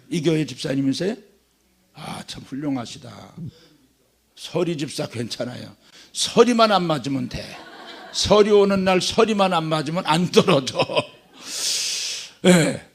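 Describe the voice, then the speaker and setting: Man preaching in a church; husky and gravelly, jokes his way through an animated sermon. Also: a little high. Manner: joking, animated storytelling. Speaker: guest preacher at a revival meeting.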